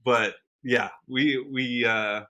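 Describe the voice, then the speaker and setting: With a medium pitch and a steady, slow delivery, a Washington state country singer-songwriter thinks out loud in a casual podcast interview. His voice comes across pushed and bright, though the sound is lo-fi.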